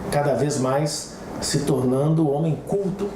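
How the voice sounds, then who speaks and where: A man's voice: on the high side, a little slow. Brazilian man reminiscing in an echoey room. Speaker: interview guest. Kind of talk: conversational reminiscence. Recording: echoey room with clear background noise.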